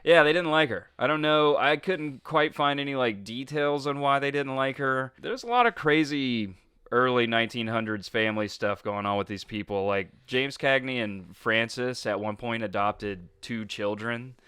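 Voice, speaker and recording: A man's voice: mid-range voice, normal speed, pushed and bright, clear, resonant tone, no echo, clean studio sound. A man co-hosting a casual film history podcast, rambling through stories with frequent fillers and laughs. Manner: rambling storyteller, laughs often, many fillers. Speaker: podcast co-host.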